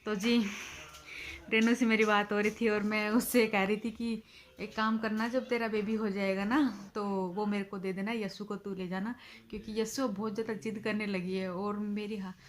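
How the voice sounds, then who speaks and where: A woman's voice: mid-range voice, flat delivery, normal speed. A woman vlogging about her day at home, talking chattily to her viewers and coaxing her small child. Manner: chatty, addresses viewers directly; coaxing, playful when talking to her toddler. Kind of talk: casual daily home vlog narration. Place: family home.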